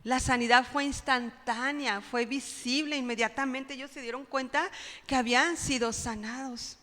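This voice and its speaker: A woman's voice: high-pitched, steady tone, moderate pace, pushed and bright. A woman preaching a sermon in church, with dramatic cries when she quotes pleas and many rhetorical questions. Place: church sanctuary. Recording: long hall reverb.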